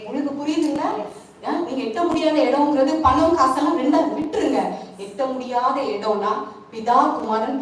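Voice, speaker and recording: A woman pastor from India preaching a sermon, quizzing her congregation with questions and asking them to answer aloud. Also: high-pitched. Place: church hall, indoors. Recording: echoey hall from far off, faint noise.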